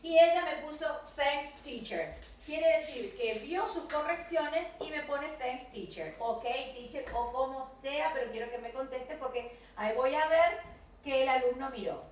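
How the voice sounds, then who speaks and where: A woman teaching English to young children in an online video class, speaking Argentine Spanish and drilling sentences slowly. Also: sits high. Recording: distant echoey room recording with faint noise.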